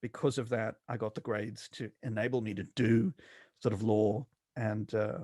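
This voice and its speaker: During an academic interview, a middle-aged man from South Africa, accent mixed but largely Australian, answers hesitantly with lots of fillers and restarts. His lowish voice holds a steady, darkish tone at normal speed. The recording is studio quality, without echo.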